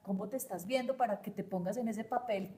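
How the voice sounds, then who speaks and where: A woman's voice: medium pitch, brisk, warm tone, reverberant. A woman hosting a live conversation, asking reflective questions and affirming her guests. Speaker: host of a live show. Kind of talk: warm conversational interview.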